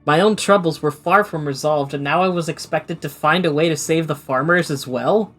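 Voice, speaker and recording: A woman's voice: low-pitched, moderate pace, faint music behind. A woman streamer reading a visual novel aloud with friends, with casual hesitant asides.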